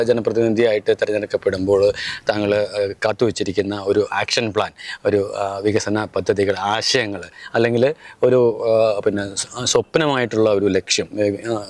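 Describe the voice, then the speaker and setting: Male interviewer, low-pitched, halting, filler-heavy delivery. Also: a little mellow. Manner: hesitant, many filler sounds. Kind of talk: interview questions.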